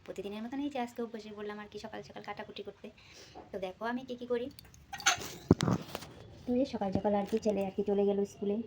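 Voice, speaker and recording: A young woman with a Bengali accent chatting casually to her viewers while chopping vegetables at home, a little out of breath and speaking softly. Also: mid-range voice, fairly even intonation, quick pace, pauses often, noisy background. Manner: chatty, many fillers, addresses viewers as friends. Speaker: vlogger, mother of two. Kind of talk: casual vlog chat while cooking. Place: home kitchen.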